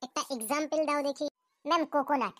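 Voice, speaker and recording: A woman voicing a high, eager schoolgirl pupil. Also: quick pace, close to an everyday voice. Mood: dutiful. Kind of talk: cartoon classroom lesson.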